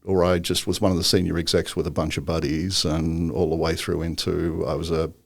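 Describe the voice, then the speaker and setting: A man's voice: low voice, little pitch movement, a little fast, vocal fry, husky, no room sound, clean studio sound. A male entrepreneur as an interview guest, talking casually in a rambling, joking way full of fillers.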